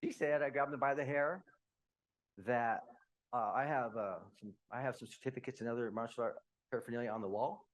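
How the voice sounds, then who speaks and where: A man giving a personal testimony talk as a guest speaker, telling his story conversationally, dropping low and quiet and then breaking into loud outbursts. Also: fairly quick. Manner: conversational, uses slang like "man".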